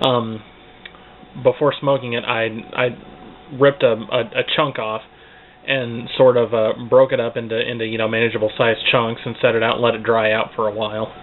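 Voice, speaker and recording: A man giving a casual spoken product review, hesitant and searching for words as he goes. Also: mid-range voice. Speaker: pipe tobacco reviewer. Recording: tinny, phone-like band, clearly noisy.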